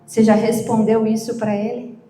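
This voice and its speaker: A woman pastor preaching a sermon, slow and emphatic, shifting between loud outbursts and hushed questions. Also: a little high, level tone. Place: church. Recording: echoey church with soft music. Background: soft instrumental music.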